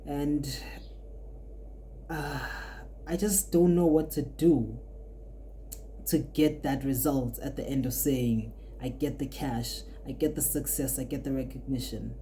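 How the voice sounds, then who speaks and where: A woman's voice: rumbling low, takes it slowly, warm tone, a little hiss or hum. A twenty-year-old woman hosting a podcast, musing aloud in a rambling, reflective way with frequent restarts. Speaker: podcast host and art student. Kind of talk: casual podcast monologue.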